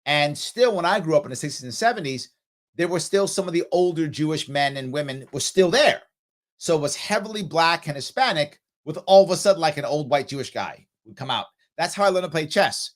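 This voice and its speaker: A middle-aged man from New York City's South Bronx hosts a live ask-me-anything stream, reading viewer comments aloud and answering offhandedly with plenty of fillers. His voice is on the high side, expressive and brisk.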